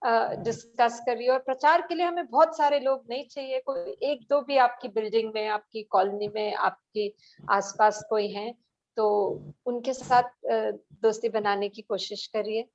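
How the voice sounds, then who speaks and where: Woman spiritual teacher, fairly high voice, gentle and advising, dull lo-fi sound. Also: a little slow. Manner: gentle, advising, mixes English into Hindi. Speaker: spiritual teacher answering questions. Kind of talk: devotional Q&A session.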